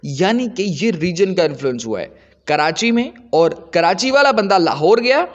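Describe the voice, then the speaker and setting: A man's voice: sits high, very animated, normal speed, in a large hall, muffled recording. A man giving an explanatory lecture as a teacher, repeating points for his students.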